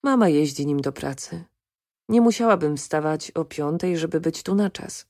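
A woman's voice: low voice, normal speed, darkish tone, dry recording, clean studio sound. A woman reading the lines of a restless, teasing young female lab worker in an audiobook.

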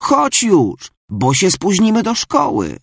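A man's voice: high-pitched, huge pitch swings, slow, vocal fry, husky, no room sound, studio quality, pitched above the performer's own voice, exaggerated voice. A man voicing an anxious young schoolgirl who calls out urgently, afraid of being late.

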